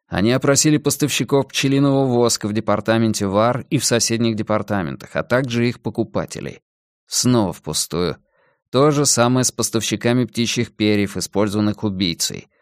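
A man reading a novel aloud as an audiobook narrator, in a measured, deliberate manner. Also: fairly low pitch, animated, dry recording, clean studio sound. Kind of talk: scripted narration.

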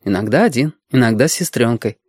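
A man's voice: medium pitch, expressive, quick pace, a little mellow, breathy edge, no room sound, clean studio sound. A man reading a story aloud and voicing an eager sixth-grade boy who patiently explains things to a girl. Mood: eager, explaining.

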